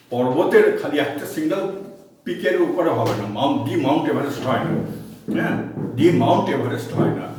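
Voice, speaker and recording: A man's voice: on the high side, distant mic. A man with a Bengali accent teaching an online English grammar lesson in Bengali, explaining patiently, repeating examples and asking the class questions. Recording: echoey room, voice from off-mic.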